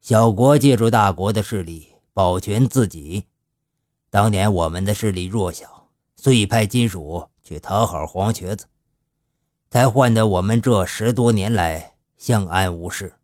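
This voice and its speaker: A male storyteller voicing a shrewd older gang leader who speaks slowly and with fatherly authority. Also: lowish voice, darkish tone, dry recording, clean studio sound, lightly acted. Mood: advising. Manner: slow, measured, fatherly.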